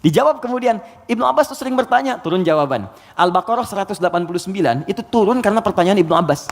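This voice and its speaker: A man delivers an Islamic sermon in an animated, storytelling way, breaking now and then into chanted Quran verses. His voice sits fairly high for a man. The sound carries a long hall reverb. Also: very fast. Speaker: Islamic preacher. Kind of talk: lecture sermon.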